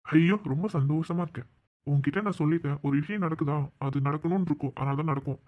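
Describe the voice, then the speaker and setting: A devoted young suitor, voiced by a woman talks in a persistent, affectionate way in a cartoon. The voice sits fairly low. The audio is a little dull. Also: fast, close to an everyday voice. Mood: firm. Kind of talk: cartoon voice acting.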